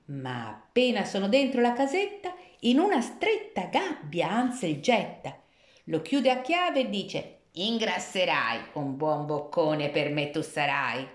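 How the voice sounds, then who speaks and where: Slow, expressive woman reading rhymed verse. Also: fairly high pitch. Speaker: storyteller. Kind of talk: rhymed fairy-tale narration. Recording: echoey room.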